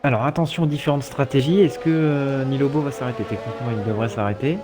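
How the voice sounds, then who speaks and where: A man's voice: medium pitch, fairly even intonation, fast. Male race commentator, mid-range voice, live motorsport calls with casual asides, music and engines underneath. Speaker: esports sim racing commentator.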